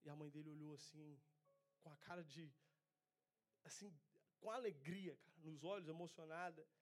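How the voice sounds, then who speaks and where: A young man preaching a testimony sermon to a congregation in a casual, slangy storytelling manner, dropping to a hushed voice when he prays. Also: fairly high pitch, steady tone, moderate pace, faint music behind.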